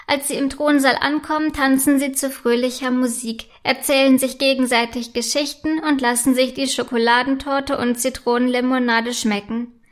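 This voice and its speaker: A woman narrating a children's bedtime story in a gentle, even storytelling manner. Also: high-pitched.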